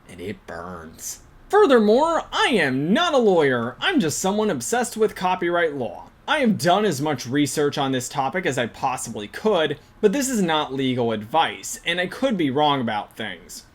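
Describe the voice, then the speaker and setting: Video essay host, scripted commentary, lively pitch, dry sarcastic asides.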